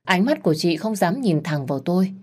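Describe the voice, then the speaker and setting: A woman reads a story aloud in a steady, solemn tone. Her voice is low and husky, with a breathy edge. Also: fairly quick. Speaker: story narrator. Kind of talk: scripted narration.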